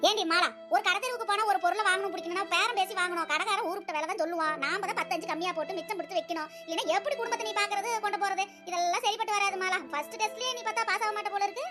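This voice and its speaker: A woman's voice: extremely high pitch, rapid-fire, hardly any pauses, over loud music. A woman voicing a bossy, scolding older mother-in-law in a family cartoon. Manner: scolding, lecturing. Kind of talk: cartoon voice acting.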